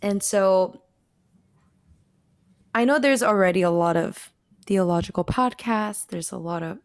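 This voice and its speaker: A woman's voice: medium pitch, a little slow, no echo, clean studio sound. A young woman from the Pacific Northwest co-hosting a podcast in a casual, friendly chat, laughing easily. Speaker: podcast co-host.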